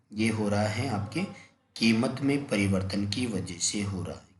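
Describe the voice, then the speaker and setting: Low-voiced male teacher in an echoey room. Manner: repetitive, asks and answers his own questions. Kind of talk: exam-prep lecture. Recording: echoey room, faint noise.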